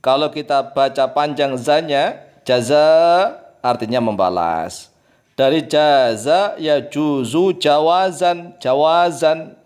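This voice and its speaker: A man teaching Arabic grammar in a religious lesson, repeating key words and drilling their pronunciation. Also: fairly high pitch.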